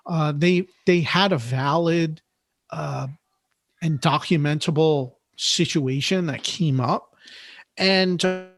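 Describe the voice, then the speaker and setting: A man speaks as a podcast guest, his voice sitting a little high. He explains things in a measured, patient way, repeating words as he gathers his thoughts. The sound is dry and close. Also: no echo. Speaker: podcast guest, note investor. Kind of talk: interview conversation.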